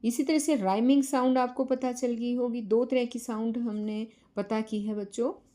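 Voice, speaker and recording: A woman teacher with an Indian English accent explaining a poem lesson to children, reading English lines slowly and then explaining them. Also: on the high side, fairly even intonation, dark tone.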